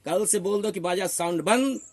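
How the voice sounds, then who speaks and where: A crowd can be heard behind this high-pitched man, who speaks at normal speed with a Bihari accent. Preaching in a heated argument, he admonishes assertively and keeps throwing out rhetorical questions.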